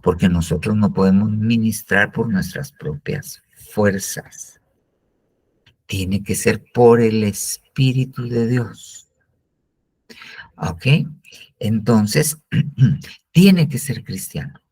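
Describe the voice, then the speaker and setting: A man's voice: fairly low pitch, slow, long pauses, a little mellow, breathy edge. A man with a Guatemalan Spanish accent teaching a Bible discipleship class, repeating phrases for emphasis.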